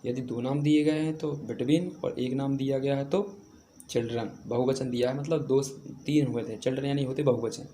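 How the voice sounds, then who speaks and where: A man's voice: medium pitch, fairly even intonation, moderate pace, mellow, a little hiss or hum. A man teaching an exam lesson over a screen recording, patiently repeating points and answering his own questions. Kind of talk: exam prep lesson walking through a paper.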